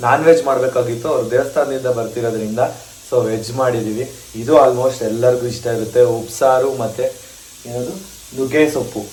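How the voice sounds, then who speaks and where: A man's voice: medium pitch, steady tone, a little fast, darkish tone, slight background noise. A chatty man hosts a casual home vlog. He laughs often, and his voice carries a roomy echo. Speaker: vlogger co-host.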